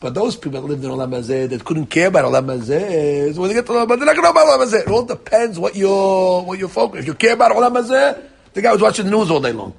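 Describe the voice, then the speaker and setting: A middle-aged man teaching a Talmud class in an animated way, repeating words and acting out the people he quotes. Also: high voice, very fast, vocal fry, breathy edge. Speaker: Torah teacher.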